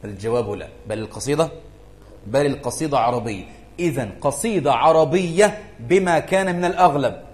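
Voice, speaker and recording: A man's voice: medium pitch, lively intonation, brisk, a little mellow. A man giving a religious lesson to students in a lecture room, often checking whether they follow and stressing points emphatically. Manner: keeps asking if students follow, rises emphatically. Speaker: religious teacher. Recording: echoey room.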